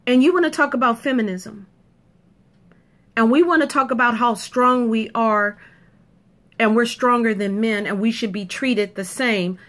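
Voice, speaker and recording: Talking a little slowly in a somewhat high, fairly bright voice, this woman gives a punchy, forceful opinion piece straight to camera as a video commentator, driving points home by repeating them.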